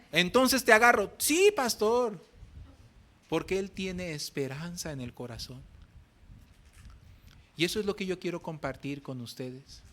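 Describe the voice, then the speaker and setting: Brief: middle-aged Mexican Spanish pastor, earnest exhorting sermon, slightly high voice. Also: male voice, fairly bright tone. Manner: earnest, exhorting preaching with tag questions. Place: church service.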